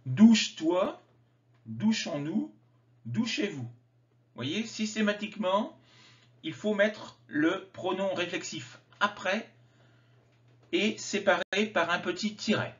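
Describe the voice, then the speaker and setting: A man teaching a grammar lesson, slowly and carefully spelling out each example form. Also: high voice, expressive, a bit bright. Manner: slow, careful enunciation of example words. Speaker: French teacher. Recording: dull lo-fi sound.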